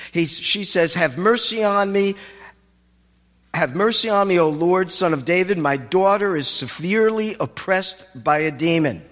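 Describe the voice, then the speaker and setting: A man preaching a sermon as pastor of a congregation, talking expressively and lifting his voice as he retells scenes. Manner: expressive, rises in pitch when retelling scenes. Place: congregation worship hall. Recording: reverberant hall with faint music.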